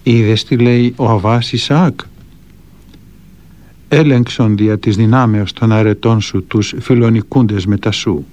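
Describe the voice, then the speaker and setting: A man's voice: on the low side, steady tone, darkish tone. A man reading spiritual anecdotes and counsel aloud, with a storytelling delivery. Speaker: reader of a monk's teachings.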